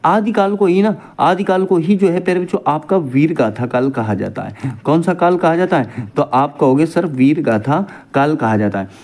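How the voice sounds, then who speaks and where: A man's voice: moderate pace, hardly any pauses. A male teacher running an exam-prep grammar class. He repeats each point back as a question to his students and calls them dear children. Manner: lively, pitch swings up and down.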